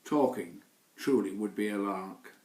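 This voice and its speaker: A man's voice: on the low side, measured pace, a little mellow, pitched below the performer's own voice, lightly acted. A man reciting a rhyming poem in the voice of a happy, loyal rescued dog. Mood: cheerful. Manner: cheerful rhymed recitation. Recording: roomy echo.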